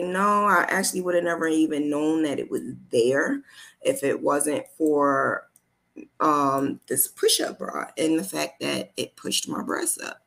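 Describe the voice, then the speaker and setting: A woman vlogger with a fairly low, slightly bright voice recounts a personal story. She talks casually, keeps doubling back over what she's said, and acts out the dialogue she quotes.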